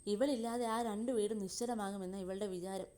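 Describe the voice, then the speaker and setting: A frank young woman scolds in brisk, protective phrases, as a woman storyteller reads her. The voice stays mellow and warm. It is a spoken storybook. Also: mid-range voice, steady tone, natural voice. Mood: reproachful.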